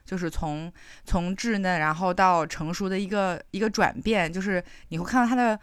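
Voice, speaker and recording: Chatty woman with a lowish voice. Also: normal speed, smooth, no echo. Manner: chatty, many fillers, reflective. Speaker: podcast co-host. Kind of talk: casual chat.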